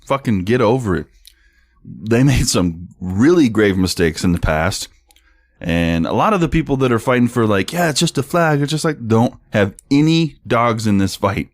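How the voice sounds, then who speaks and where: A young man co-hosts a casual sports podcast with a deep, low-pitched voice. He talks bluntly, swears freely and laughs as he reads posts aloud. The sound is dry and close to the mic. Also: expressive, moderate pace, no echo. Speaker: podcast co-host.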